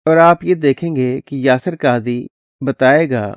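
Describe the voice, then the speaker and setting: A man's voice: mid-range voice, dry recording. A man hosting his channel, explaining a clip in a plain conversational way and dropping English words into his speech. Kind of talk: casual explanatory commentary.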